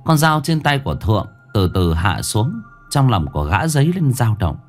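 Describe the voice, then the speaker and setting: A man telling a ghost story in a low voice with lively, swinging intonation. His delivery is dramatic and builds suspense, with faint music underneath. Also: normal speed. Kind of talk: scripted horror narration.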